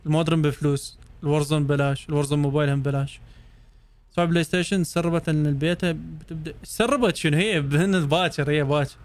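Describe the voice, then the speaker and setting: Fast-talking Iraqi gaming streamer man. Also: on the high side. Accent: Iraqi Arabic. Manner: rapid and chatty, answers viewers' questions. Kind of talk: casual live-stream chat.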